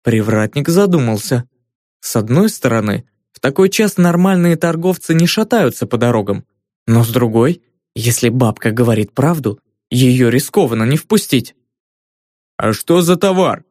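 A man narrating a fantasy novel as an audiobook in a lively, expressive reading. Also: mid-range voice, normal speed, dry recording, clean studio sound.

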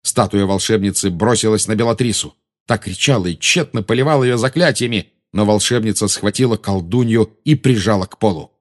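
A man narrating an audiobook with an expressive, dramatic reading. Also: lowish voice, brisk.

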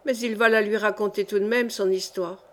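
A woman's voice: medium pitch, fairly even intonation, a little fast, natural voice. A woman reading the lines of a brash, greedy male glutton in an audiobook. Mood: cheeky. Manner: brash, muttering.

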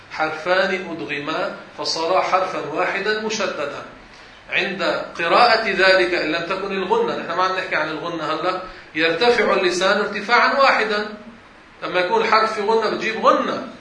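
A man teaching a religious lesson, his voice high and bright. He corrects listeners firmly and demonstrates pronunciation. The recording is roomy and echoey with a faint hiss. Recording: echoey room with faint noise.

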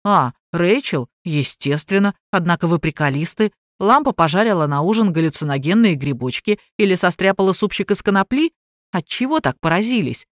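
A woman reading an audiobook voices a calm, sarcastic police major who gives dry, mocking orders. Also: on the low side, fairly quick, no echo, close to an everyday voice.

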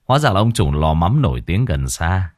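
A man's voice: on the low side, animated, normal speed, dry recording, studio quality, natural voice. A man voicing a swaggering gang leader who mocks his victims and fawns before the powerful. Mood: fawning. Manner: mocking, then fawning.

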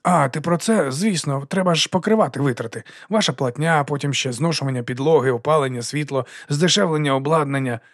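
A man's voice: on the high side, dry recording, studio quality. A man voicing a nervous, greedy male concert promoter who babbles anxiously. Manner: jittery, fast-babbling.

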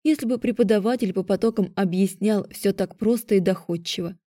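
A woman narrating a first-person audiobook in a calm, measured way. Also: medium pitch, no room sound, studio quality.

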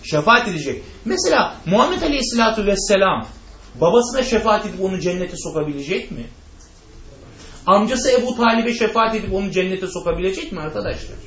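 A man's voice: high voice, expressive, a little fast, a bit bright, echoey room, highs cut off. A man teaching a religious class who asks rhetorical questions, answers them himself and speaks straight to his listeners. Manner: addresses listeners directly. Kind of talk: lecture to a class.

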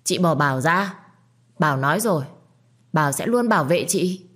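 A woman's voice: low voice, animated, normal speed, a bit bright, breathy edge, full character voice. A woman voicing a simple-minded, childlike young man in a storybook reading, blunt and protective.

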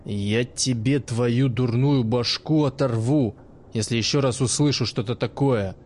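A man playing a stern, gruff old teacher who speaks in a dry, sarcastic and sometimes menacing way. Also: medium pitch, unhurried, darkish tone, a little hiss or hum, natural voice.

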